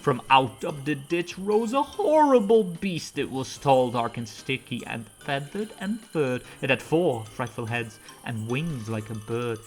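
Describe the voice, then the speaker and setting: A woman storyteller reading a children's story aloud in an animated narration style. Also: extremely low pitch, a little slow, few pauses.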